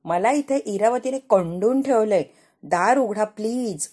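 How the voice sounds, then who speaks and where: A confused old grandmother who pleads and calls out like a child, as a woman acts her out. The voice stays mellow and soft-edged. It is part of a spoken TV serial recap. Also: mid-range voice, animated, measured pace, husky. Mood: pleading.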